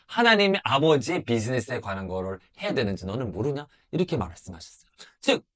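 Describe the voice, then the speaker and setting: Man, middle-aged pastor, sermon, emphatic, rhetorical questions, lively swooping pitch.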